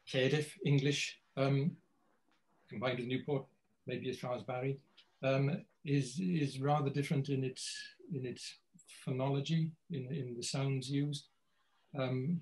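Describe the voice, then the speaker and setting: Guy on a video panel, stumbles and restarts a lot, repeats words, middle-pitched voice. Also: darkish tone, poor audio. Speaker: co-author and panel guest. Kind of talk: academic panel conversation.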